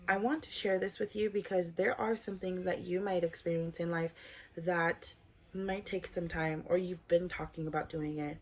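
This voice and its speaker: Earnest woman in her twenties, low voice. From Southern California. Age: 20s. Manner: earnest, upbeat. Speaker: vlogger. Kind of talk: scripted vlog introduction.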